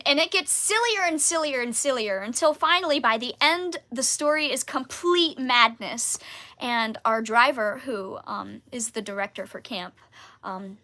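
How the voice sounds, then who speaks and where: A young woman answers viewer questions in a relaxed live Q&A. Her voice is bright and a little high, and she talks with many "um"s and giggles. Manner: chatty, giggly, many fillers. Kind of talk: casual live Q&A.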